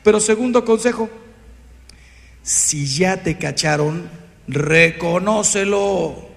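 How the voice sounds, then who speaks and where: A Mexican man in his fifties preaches with a high, gravelly voice. He stays animated and jokey, playing out little dialogues as he goes. The sound rings with a long hall reverb. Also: a little slow. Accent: Mexican Spanish. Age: 50s. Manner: animated, acts out quoted voices with humor. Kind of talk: lively preaching talk.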